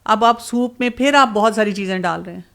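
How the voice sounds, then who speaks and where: A woman speaks as a guest expert on a talk show. Her mid-pitched voice carries an earnest, advising tone, and she mixes in plenty of English terms as she explains. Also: creaky, a bit bright. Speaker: nutrition and health guest expert.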